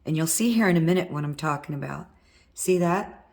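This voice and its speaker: A woman with a low, worn-out, hoarse voice walks through a hands-on wire craft lesson. She is middle-aged and husky, and she talks casually while she works. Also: fairly quick, a little mellow. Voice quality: husky from vocal cord nodules. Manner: chatty, talks while working with her hands. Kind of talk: step-by-step craft tutorial.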